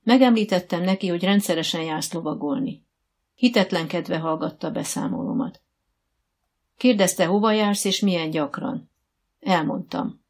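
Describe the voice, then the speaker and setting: A woman's voice: on the low side, a little mellow. A woman reading an earnest father. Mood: explaining. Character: earnest father explaining himself.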